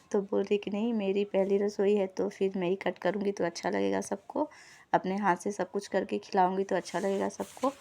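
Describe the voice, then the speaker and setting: A woman's voice: mid-range voice, dark tone. A woman vlogger giving casual voice-over narration over cooking footage, chatty and explaining each step to her viewers. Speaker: lifestyle vlogger.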